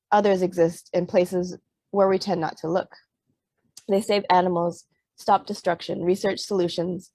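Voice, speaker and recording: With a warm, lowish voice and no echo on the recording, a middle-aged woman from Vancouver, Canada, speaks as an author on a panel. She uses lots of fillers and restarts herself, and later reads from her book aloud.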